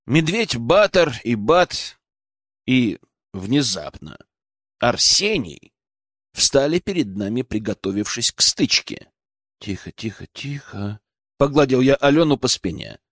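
A man's voice: medium pitch, big pitch swings, a little slow, no room sound, clean studio sound. A man reading a first-person audiobook with dramatic expression. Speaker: audiobook narrator.

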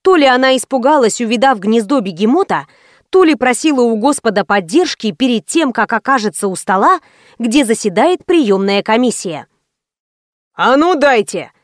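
A woman reading a novel aloud in a lively, expressive storytelling manner. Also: a little high, moderate pace, no echo, studio quality. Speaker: audiobook reader. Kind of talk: audiobook narration of a detective novel.

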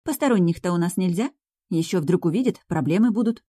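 A woman acts out a gossipy ward nurse, chattering confidingly. Her voice sits a little higher than the narrator's dark, low tone, recorded close and dry. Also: animated, brisk, slightly rough, dry recording.

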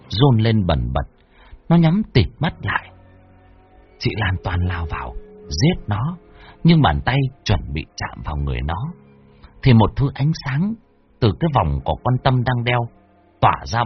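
A man with a husky voice narrating a horror story, expressive with wide swings in pitch. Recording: dull lo-fi dry recording.

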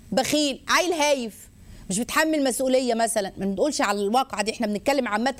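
A woman with an Egyptian Arabic accent hosting a religious advice talk, lively and rhetorical, listing points and mimicking people. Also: a little high. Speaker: host.

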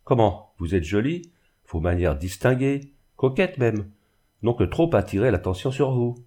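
A man's voice: mid-range voice, expressive, normal speed, mellow, close to an everyday voice. A man reading the part of a harsh, severe old spinster seamstress in an audiobook. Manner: severe, accusing.

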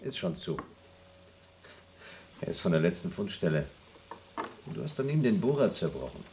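A deep-voiced astronaut in a radio drama, sober and pedantic in delivery. The recording carries clear noise behind him. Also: male voice, sing-song, moderate pace, a little mellow. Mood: matter-of-fact. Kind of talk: German radio play acting.

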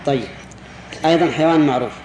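A sheikh lectures a classroom on Islamic jurisprudence in a voice on the high side, racing and a little mellow. He explains patiently, repeats key words and questions his students. The recording has a roomy, reverberant hall sound with faint hiss.

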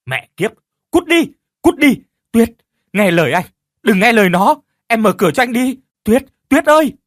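A man voicing a desperate young man who shouts frantically in an audio story. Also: very high voice, sing-song, moderate pace, no echo, clean studio sound, pitched above the performer's own voice, heavily acted.

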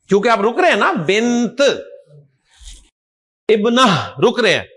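A man's voice: extremely high pitch, fairly bright tone. A man teaching Arabic grammar in a classroom lesson, repeating words and often checking whether listeners follow. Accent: Pakistani Urdu. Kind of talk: classroom lesson, explaining and quizzing.

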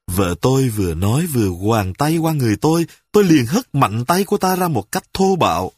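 A man reading a humorous story aloud with lively, dramatic storytelling. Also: medium pitch, brisk, breathy edge, no echo, clean studio sound.

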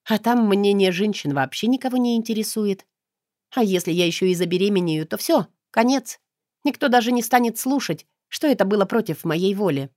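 A woman narrating a first-person fantasy audiobook in a steady, expressive storytelling voice. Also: mid-range voice, brisk, dry recording, clean studio sound.

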